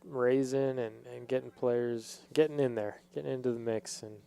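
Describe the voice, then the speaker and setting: A man commentates a poker game casually, in a relaxed, warm tone. His voice is smooth and clear, and he pauses and hesitates as he thinks each hand through. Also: mid-range voice.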